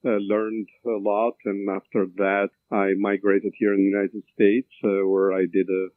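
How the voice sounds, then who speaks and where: A man in his fifties with an Albanian accent, a neurosurgeon answering interview questions in a halting way with many fillers and restarts. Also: lowish voice, little pitch movement, no echo. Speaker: neurosurgeon guest. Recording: tinny phone-like line, dry.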